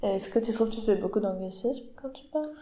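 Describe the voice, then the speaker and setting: Woman, host, curious, precise questions, medium pitch, roomy echo. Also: animated, fast, crowd noise. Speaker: podcast host. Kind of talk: interviewing. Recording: echoey room.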